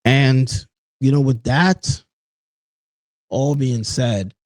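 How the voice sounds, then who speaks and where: A man in his late thirties hosts a reflective solo podcast in a mid-range, steady, darkish voice, speaking very slowly with no echo. He comes across as earnest and personal, often saying "you know" and "folks."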